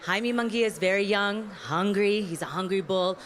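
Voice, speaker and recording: A woman's voice: medium pitch, normal speed. A woman acting as event host, interviewing an athlete live on stage.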